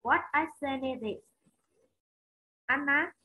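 On a low-quality recording, a Vietnamese-accented woman runs an English lesson by video call, naming students, echoing their answers and moving between English and Vietnamese. She has a high, sharp voice and takes things slowly.

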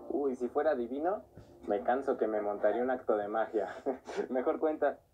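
Actor as guarded young Mexican man, mellow voice. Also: mid-range voice, normal speed, highs cut off, soft background music, lightly acted. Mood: wry, irritated. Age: young adult. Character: guarded, hurt young street clown and son.

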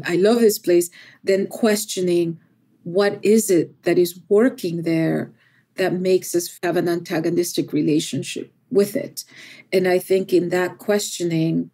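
A middle-aged poet from El Salvador, whose first language is Spanish, speaks thoughtfully as a podcast guest in a reflective interview. Her voice is fairly low, mellow and slightly rough, with fairly even intonation and a slightly slow pace. She repeats words and often adds "right?".

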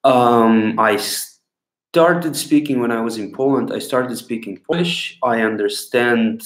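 A slow-talking Bulgarian man with a mid-range voice, a clown, answers viewer questions in casual talk to camera. He rambles without hurry and pauses to find words. He records indoors in a small, echoey room at home on a laptop webcam mic at his desk.

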